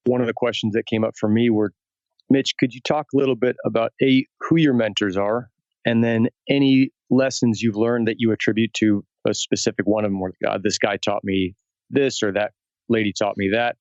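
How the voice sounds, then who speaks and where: A man's voice: fairly low pitch, fairly even intonation, a little fast, darkish tone, no room sound, lo-fi sound. A man co-hosting a podcast, asking long probing questions. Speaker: podcast co-host. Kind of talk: casual podcast chat.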